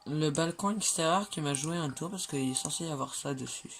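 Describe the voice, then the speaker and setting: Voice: mid-range voice, a little fast, soft background music. Hesitant, chatty French-speaking game narrator. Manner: hesitant, many fillers and self-corrections; chatty, jokes at own slips. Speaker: game creator showing builds. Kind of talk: casual walkthrough narration of game builds.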